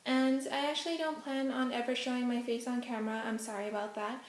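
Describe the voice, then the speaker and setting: Speaking quickly with little pitch movement, this young adult vlogger, a native Hokkien speaker, answers Q&A questions indoors at home without showing her face. Her voice is a little high, and she's chatty, giggly and heavy on the ums, in an echoey room.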